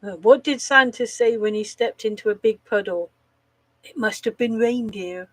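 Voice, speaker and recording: Speaking at normal speed with fairly even intonation, a woman with a slightly high voice live-streams casually with no echo. She sounds slightly nasal from a cold, and she tells corny jokes, giggles at them, groans at bad puns and swears now and then.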